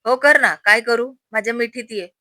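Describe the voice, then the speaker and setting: A woman's voice: on the high side, normal speed, pushed and bright, no echo, clean studio sound. Woman voicing a caring young husband. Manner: easygoing, affectionate.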